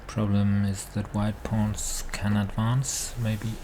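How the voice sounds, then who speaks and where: Slow-talking man commentating over noise. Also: lowish voice, little pitch movement, mellow. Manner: halting, thinking aloud. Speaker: amateur chess commentator. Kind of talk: casual live game commentary. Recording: clearly noisy background.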